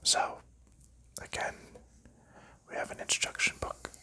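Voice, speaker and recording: Softly whispering without voicing, a man takes his time opening a board game for an ASMR clip, talking through every component in a relaxed, unhurried way.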